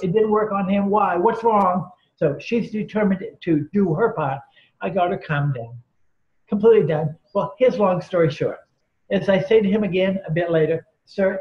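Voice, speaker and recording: A man guest in an interview, telling earnest, emphatic stories and acting out the people in them. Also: high-pitched. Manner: earnest, emphatic storyteller quoting others. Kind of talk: storytelling in an interview. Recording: roomy, dull lo-fi sound.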